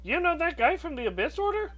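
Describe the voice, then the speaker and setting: A woman's voice: high voice, sing-song, fast, a bit bright, pitched above the performer's own voice. A woman voicing a small, eager fairy companion from a video game, chirpy, bouncy and childlike. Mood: surprised.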